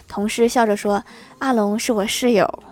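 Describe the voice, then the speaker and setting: A woman's voice: fairly high pitch, fairly even intonation, normal speed, noisy background. A woman reading out short funny anecdotes, adding playful, wry asides to her listeners. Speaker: comedic storyteller.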